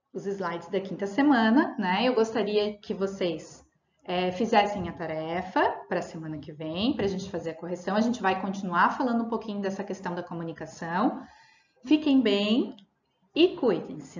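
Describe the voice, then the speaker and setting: A woman teaching a remote lesson, explaining patiently and repeating key words with fillers. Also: medium pitch. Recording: roomy, dull lo-fi audio.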